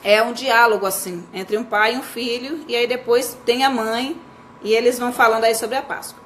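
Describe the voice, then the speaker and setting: A woman's voice: on the high side, steady tone, normal speed, a little hiss or hum. A woman teacher talking casually to fellow teachers on a live stream, chatty and full of fillers and self-corrections.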